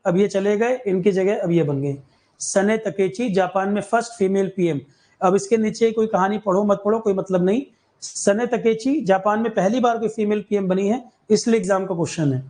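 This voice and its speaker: High-voiced Indian man teaching exam prep. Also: a little mellow, rough recording. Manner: repetitive, drills key facts, asks "clear?". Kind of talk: current affairs lecture.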